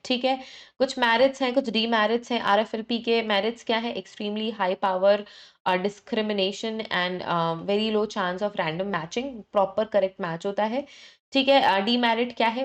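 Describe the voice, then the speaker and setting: Woman, revision lecture, brisk teacher, frequent check-ins, mixes in English terms. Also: mid-range voice. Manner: brisk, repeats "ठीक है" to check in, self-correcting.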